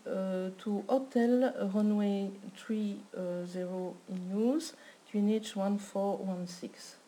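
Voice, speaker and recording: A woman practises air traffic control radio phraseology as a student pilot. Her delivery is slow and halting, and her tone is soft-edged and relaxed. There is some noise behind her. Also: medium pitch.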